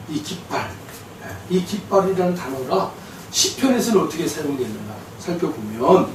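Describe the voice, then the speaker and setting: A man preaches a sermon, his fairly high voice rising into loud, drawn-out calls and dropping into quiet asides. He sounds distant from the mic, and the church around him rings with heavy echo. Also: slight background noise. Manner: swings between loud preaching and soft asides to the congregation. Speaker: pastor. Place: church sanctuary. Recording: very echoey, distant church recording.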